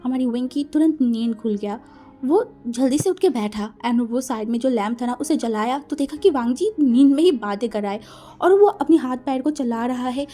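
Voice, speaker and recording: A woman narrating fan fiction in an expressive, dramatic storytelling manner. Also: high voice, normal speed, soft background music.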